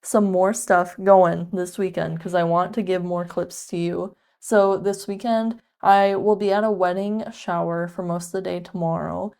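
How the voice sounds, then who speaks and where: A woman's voice: fairly low pitch, steady tone, moderate pace, vocal fry, hardly any pauses, darkish tone. A woman in her twenties chatting casually to her viewers as a book vlogger, in a loose conversational manner with frequent asides. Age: 20s. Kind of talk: casual chat to camera.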